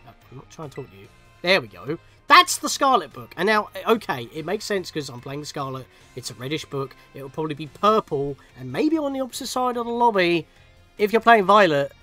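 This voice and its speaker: Male, fairly high voice, very lively pitch swings, chatty let's play streamer, music behind. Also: brisk. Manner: chatty, reacts aloud and exasperated asides. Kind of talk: casual game commentary with in-game text read aloud.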